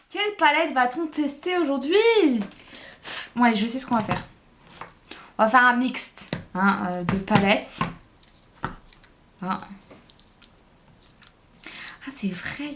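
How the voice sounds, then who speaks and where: Chatty woman doing a makeup tutorial, kinda high voice, hums of noise behind. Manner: chatty, hesitant, thinking aloud. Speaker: beauty vlogger. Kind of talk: casual makeup tutorial chat.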